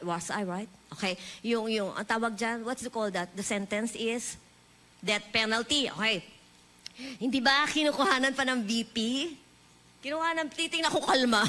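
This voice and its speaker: Bright-voiced Filipino woman preaching. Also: on the high side. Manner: animated, leads the congregation in call-and-response prayer. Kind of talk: bilingual sermon. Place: church hall.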